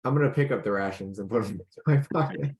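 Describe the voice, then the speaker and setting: A man's voice: on the low side, fast talker, darkish tone. Casual man playing a tabletop game. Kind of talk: casual improvised game chat.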